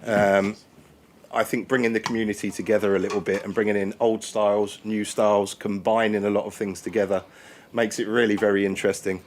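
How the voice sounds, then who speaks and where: A man from England chats as a guest on a radio interview, friendly and a little halting. His voice sits on the low side. A faint noise hums behind him. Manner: relaxed, friendly, halting with fillers. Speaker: brewery guest.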